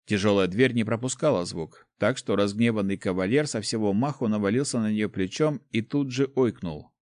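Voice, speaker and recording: Low-voiced man narrating an audiobook. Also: normal speed, darkish tone, no room sound, clean studio sound. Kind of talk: first-person audiobook narration.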